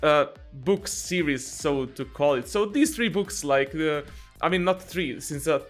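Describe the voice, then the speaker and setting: High-voiced joking young man. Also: measured pace, faint music behind. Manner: jokey, laughs often, many fillers and restarts. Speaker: channel host and game coach. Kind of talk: casual Q&A vlog.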